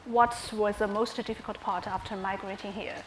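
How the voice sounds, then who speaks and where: A woman's voice: mid-range voice, steady tone, normal speed. A woman whose first language is Chinese, asking an interviewee questions politely with slight hesitations. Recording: echoey room with faint noise.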